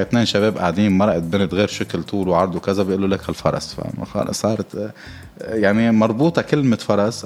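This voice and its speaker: Lebanese male host, low voice, fast, rambling comic monologue full of hesitations. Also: a little mellow, slight background noise. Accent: Lebanese Arabic. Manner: joking and rambling, with many halting fillers. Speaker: podcast host.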